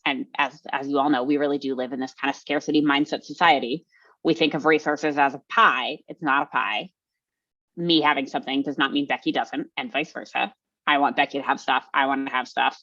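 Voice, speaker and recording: A woman's voice: very deep voice, steady tone, fairly quick, a bit bright, dull audio. A woman presenting an online workshop in a conversational way, often checking in with her audience. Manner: conversational, often tags sentences with "right?". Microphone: video call.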